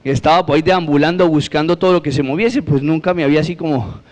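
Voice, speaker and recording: A man shares his religious testimony with an audience in a fairly high voice. He tells it like a lively story, acting out each conversation and keeping it light with humor. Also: quick pace. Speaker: speaker giving a religious testimony.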